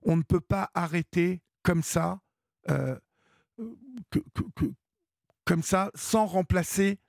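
A man's voice: high voice, slow, vocal fry, darkish tone, no echo, studio quality. A man hosting a late-night call-in radio show, talking in a hesitant, encouraging way with many fillers. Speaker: radio host.

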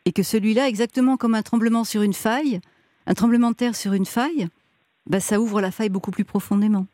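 A woman's voice: mid-range voice, steady tone, fairly quick, dark tone, no room sound. A woman hosting a radio advice show, reassuring and encouraging her caller. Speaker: radio host.

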